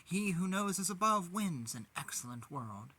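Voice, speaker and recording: Man reciting scripture in a bright voice. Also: sits high, husky. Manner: steady, measured recitation. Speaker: podcast host reading scripture. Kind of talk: scripture reading.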